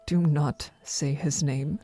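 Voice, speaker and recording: A woman's voice: sits low, normal speed, warm tone, dry recording, soft background music, close to an everyday voice. A woman voicing a stern, duty-bound female starship captain in a game, speaking formally in clipped sentences. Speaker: ship captain. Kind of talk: game voice acting.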